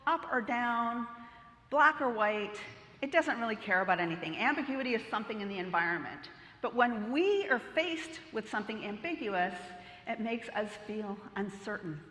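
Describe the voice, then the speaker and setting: Woman keynote speaker, middle-aged, bright voice, playful and lively, echoey hall with long reverb. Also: a little high. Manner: lively, playful storytelling with audience questions. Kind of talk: conference keynote talk.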